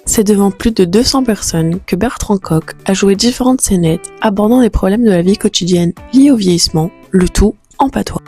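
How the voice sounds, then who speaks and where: A woman reading a scripted voice-over narration in an even, informative tone. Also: medium pitch, normal speed, hardly any pauses, husky. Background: soft guitar music.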